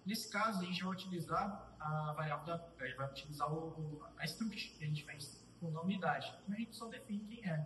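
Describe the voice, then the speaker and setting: In a fairly high, slightly bright voice, a young man presenting as a student talks through code in a live tutorial while typing. He muses aloud, breaking off and restarting his lines, a little distant from the microphone. A roomy echo and faint background hum fill the space.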